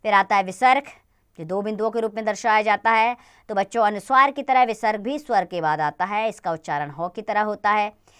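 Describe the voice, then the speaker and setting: A woman teaching a grammar lesson to children, spelling out sounds slowly and deliberately. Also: mid-range voice, a bit bright, clean tone.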